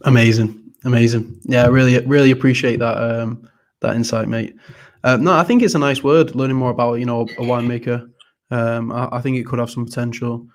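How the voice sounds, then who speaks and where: Hosting a relaxed live audio panel, a man speaks briskly in a mid-range voice with fairly even intonation. He comes across friendly but hesitant, repeats words, apologizes a lot and addresses people as "mate."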